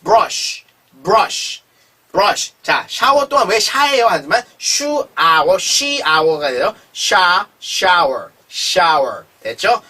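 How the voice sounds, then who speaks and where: A phonics teacher who says each English word slowly and more than once, then explains its sound. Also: medium pitch, bright, forceful tone, breathy edge, far from the mic. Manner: slow, repeats each word aloud for drilling. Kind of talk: phonics lesson.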